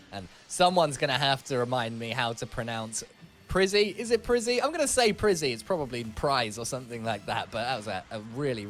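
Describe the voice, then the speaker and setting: A man's voice: fairly low pitch, a bit bright, a little hiss or hum. A man giving playful, chatty color commentary on an esports match. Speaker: esports co-caster.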